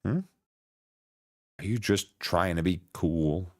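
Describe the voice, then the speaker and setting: A man's voice: low voice, slow, darkish tone, no room sound, clean studio sound. A man streaming a story game, joking casually and reading the dialogue aloud. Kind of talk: casual let's-play commentary. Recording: game music faint behind.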